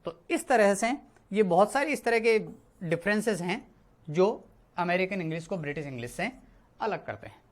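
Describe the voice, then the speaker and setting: A man's voice: sits high, animated, normal speed. Male teacher, patient explainer who repeats key words and keeps checking in. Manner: explains step by step, repeats words, says "ठीक है" often. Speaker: English teacher. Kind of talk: spoken Hindi classroom lesson.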